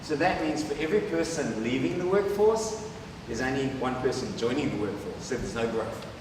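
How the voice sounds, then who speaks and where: This New Zealand-accented man presents at a conference in a chatty way, tacking "right?" onto his points. His voice is medium in pitch and his speed normal; the audio comes from far off in an echoey hall, with a noisy background.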